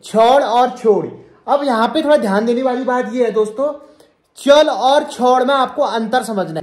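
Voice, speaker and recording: A man's voice: very high voice, darkish tone. A man from the Kumaon hills, teaching words in a spoken lesson, repeating each word and quizzing his listeners. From Kumaon, Uttarakhand. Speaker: language teacher. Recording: echoey room.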